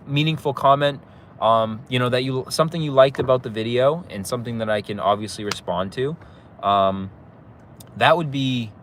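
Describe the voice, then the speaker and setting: Standing outside across from a police station, a young man streams live on his phone for his YouTube viewers, sniffly from a slight cold. In a medium-pitched voice he rambles casually, peppering his talk with "like" and "bro" and laughing readily, with slight background noise around him.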